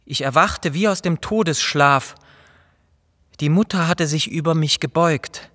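A male storyteller reads a classic tale aloud in a slow, dramatic, first-person way. His voice sits fairly high for a man. A long reverb surrounds every word, as in a large hall. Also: fairly bright tone. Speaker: reader. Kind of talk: audiobook reading of a classic tale.

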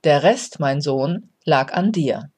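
A podcast host voicing God in a parable, speaking gently and patiently. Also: medium pitch, lively intonation, takes it slowly, breathy edge, full character voice. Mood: gentle. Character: kindly God, gently explaining.

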